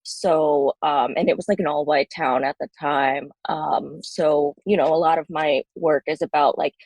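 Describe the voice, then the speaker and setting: A woman's voice: sits low, steady tone, measured pace, a little mellow, no echo. A woman in her thirties from Bangladesh, raised in New Jersey, talking casually as an interview guest, with lots of ums and likes and a matter-of-fact tone. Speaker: guest poet.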